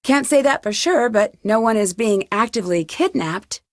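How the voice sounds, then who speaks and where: A young American voice actress plays a polite, composed amateur detective in a mystery adventure game. Her slightly high voice is clear and expressive at a moderate pace, with an inquisitive, questioning manner. The scripted lines are recorded dry, with hardly any room sound.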